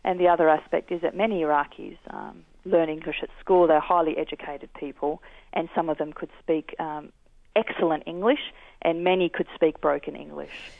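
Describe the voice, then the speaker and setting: An Australian man, a guest in an interview, telling his experiences in an earnest, measured way. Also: fairly high pitch, fairly even intonation, gravelly, dry recording. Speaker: guest, peace activist. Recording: tinny dry phone line.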